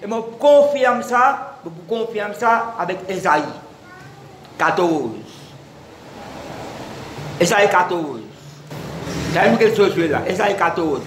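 High-voiced pastor preaching. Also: male voice, a little slow. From Mauritius. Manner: switches between French and Mauritian Creole, repeats words, calls on congregation. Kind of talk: sermon. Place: church hall. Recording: echoey church with faint room noise.

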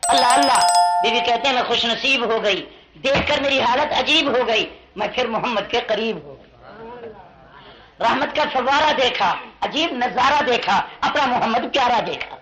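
A man preaching a fiery sermon to a crowd in a rhythmic, rhyming cadence, calling the listeners to answer him and rising into impassioned shouts. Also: very high voice, expressive. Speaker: Islamic preacher. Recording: dull lo-fi 1982 tape of a live gathering.

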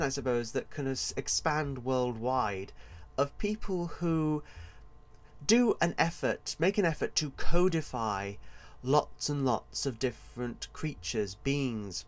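A man hosting his own podcast as an author, talking in a casual, rambling and digressive solo monologue. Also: on the high side.

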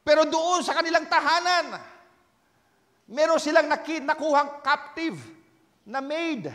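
A male pastor preaching a sermon in Tagalog and English, swinging between shouted exhortation and hushed storytelling, with frequent amens. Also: very high-pitched, measured pace, big-room sound. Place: church.

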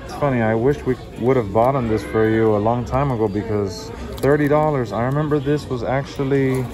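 A man with a mid-range voice and a slightly quick pace hosts a casual shopping vlog, calling out prices as he wanders a large indoor retail store. Store music plays in the background.

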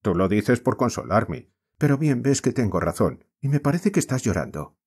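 A man's voice: mid-range voice, very animated, normal speed, darkish tone, slightly rough, pitched above the performer's own voice. A man with a Spain accent voicing a restless, despairing mining boy in an audiobook, with impassioned, frustrated outbursts. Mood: desperate, pleading. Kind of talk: audiobook character reading.

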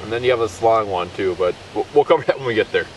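A man's voice: lowish voice, lively intonation, very fast. A man on a film crew, speaking in a casual, matter-of-fact way. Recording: distant mic, faint outdoor noise.

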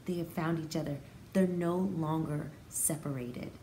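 This low-pitched, dark-toned woman keeps a steady tone and a measured pace. She's an American pre-K teacher reading a story to young kids and expressively explaining it in simple language. The recording, made in a small indoor room with hard walls, has a roomy echo and a little background noise.

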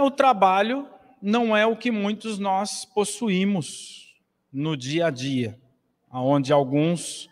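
A man in his forties with a Brazilian Portuguese accent gives an earnest spiritist lecture from a lectern in a small hall, preaching with wide, expansive gestures. His voice is fairly high, and he speaks into a stand mic, with long hall reverb on the recording.

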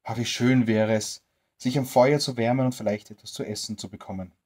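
Jolly, crafty tramp, friendly and coaxing, slightly husky tone, read by a storyteller, a bedtime storybook role. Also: mid-range voice, steady tone, brisk, a little mellow, natural voice. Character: cheerful cunning male tramp.

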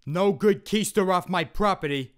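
Menacing old-movie gangster. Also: male voice, high voice, moderate pace, fairly bright tone, clean tone. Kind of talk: switching impression voices, old gangster film acting.

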